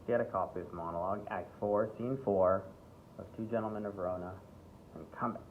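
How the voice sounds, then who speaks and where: A man teaching an acting workshop in a relaxed way. He often repeats himself and checks in with "okay?" and "right?". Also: fairly low pitch, brisk. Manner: breaks into playful accent demonstrations. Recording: tinny phone-like sound with faint background hiss.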